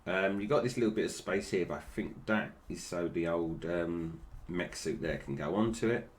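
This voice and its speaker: A man's voice: deep voice, normal speed. A British man giving casual, unscripted toy review commentary, with slightly slurred, toothless articulation that stumbles over names.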